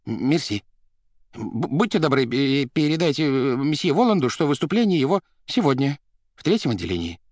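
A man voicing an excitable, fussy male theater administrator who stammers and speaks up eagerly. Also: medium pitch, quick pace, slightly rough, no room sound, clean studio sound, pitched above the performer's own voice. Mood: flustered. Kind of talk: audiobook character voice.

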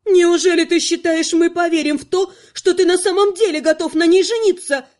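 A woman voicing a sharp, scornful and jealous female healer. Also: high-pitched, lively intonation, unhurried.

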